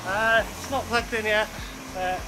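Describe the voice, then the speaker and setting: High-voiced man vlogging on a city street. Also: steady tone, unhurried, noisy background. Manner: chatty, teasing, laughs often. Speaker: travel vlogger. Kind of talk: casual vlog chat. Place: outdoors on busy city streets and night market. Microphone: handheld camera at arm's length.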